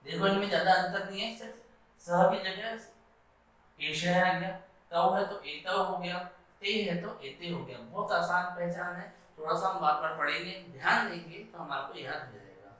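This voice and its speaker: A man's voice: sits high, pushed and bright. A man teaching schoolchildren at a blackboard, patiently explaining, asking and answering his own questions, and drawing out each stressed word. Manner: drawn-out, stressed Sanskrit words. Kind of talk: classroom lesson at a blackboard. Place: classroom. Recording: echoey room, voice from a distance.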